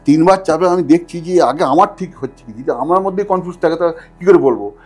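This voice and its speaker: A man with a high, husky voice tells stories as a podcast guest, acting out other people's lines with animated energy. Faint music plays softly behind him. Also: quick pace. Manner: animated, acts out other people's lines, keeps urging the listener to imagine. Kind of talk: casual storytelling in conversation. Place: podcast studio.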